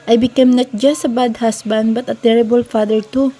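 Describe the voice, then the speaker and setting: A woman voicing an adult husband in a romance story, a remorseful, doting man who speaks earnestly and gently. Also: fairly high pitch, flat delivery, normal speed, soft background music, natural voice.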